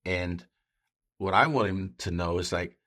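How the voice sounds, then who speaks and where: A man with a deep, low-pitched voice talks as a pastor on a podcast. His delivery is conversational and earnest, pausing and restarting as he goes, and he slips into quoting other people. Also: fairly bright tone. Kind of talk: conversational podcast talk with storytelling.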